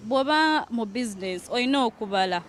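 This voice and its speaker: A woman's voice: fairly high pitch, animated, fairly quick. Ugandan market woman over noisy surroundings. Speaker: market vendor being interviewed. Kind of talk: explanatory interview talk, mixing in English phrases. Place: community market. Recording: clear ambient noise, passing vehicles.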